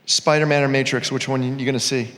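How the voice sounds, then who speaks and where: A man's voice: mid-range voice, steady tone, fast talker, a bit bright. A man casually hosting a live stage interview, with joking asides. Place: large conference hall stage. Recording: echoey conference hall.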